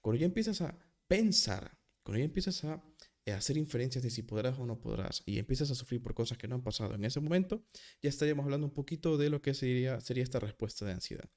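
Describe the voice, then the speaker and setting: Quick and lively in intonation, this man's medium-pitched voice carries a darkish tone. He runs a relaxed one-person psychology podcast, wandering through examples, frequently stopping to rephrase, and admitting he feels nervous.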